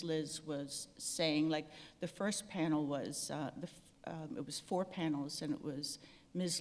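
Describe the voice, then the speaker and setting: An older woman telling stories on a panel in a wry, self-deprecating way, with many fillers and restarts. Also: low-pitched. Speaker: panel speaker. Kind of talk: storytelling on a panel. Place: event hall. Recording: echoey hall with long reverb.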